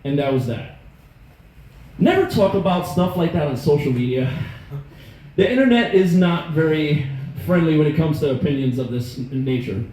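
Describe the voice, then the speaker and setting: A man in his thirties doing stand-up, telling stories in an animated, profane, self-mocking way. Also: on the high side, moderate pace. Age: 30s. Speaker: stand-up comedian. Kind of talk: stand-up storytelling. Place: comedy club stage. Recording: echoey room, faint noise.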